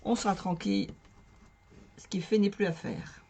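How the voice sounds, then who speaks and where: Hoarse French woman chatting through a craft demo. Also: medium pitch, animated, moderate pace, mellow, slight background noise. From northern France. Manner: chatty, talks to viewers while working, self-mocking. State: hoarse from a sore throat. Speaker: craft tutorial host. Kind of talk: casual crafting tutorial.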